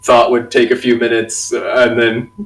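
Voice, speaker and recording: Brief: game master, rambling casual chat, distant mic in an echoey room. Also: male voice, mid-range voice, monotone, moderate pace. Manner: rambling, self-deprecating, many fillers.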